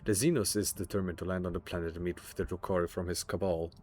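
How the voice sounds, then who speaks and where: A young streamer rambles and stammers through casual chat while livestreaming a game, swearing and joking with his viewers. His voice is deep and a little mellow, with a steady tone, and he talks fast.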